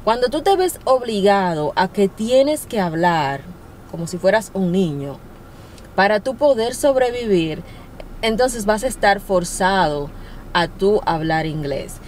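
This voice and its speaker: A woman's voice: medium pitch, lively intonation, unhurried, a little mellow, slight background noise. A young adult woman giving casual, encouraging language-learning tips as a vlogger, often laughing as she talks. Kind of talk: casual to-camera advice talk.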